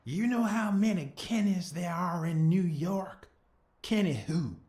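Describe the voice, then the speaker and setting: A man's voice: sits high, unhurried, a little mellow, reverberant. An actor playing a skeptical male detective in a video game, asking sardonic, probing questions.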